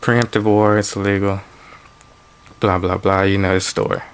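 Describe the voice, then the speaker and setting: Reading news articles aloud at a moderate pace, a low-pitched man speaks in a level tone, with slight background noise audible. He's a political commentary vlogger whose plain reading is broken by offhand asides, restarts and casual commentary of his own.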